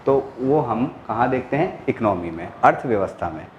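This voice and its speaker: A man's voice: medium pitch, expressive, moderate pace, reverberant, highs cut off, a little hiss or hum. A male teacher giving a lecture, explaining step by step, repeating key words and answering his own questions. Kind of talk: classroom lecture.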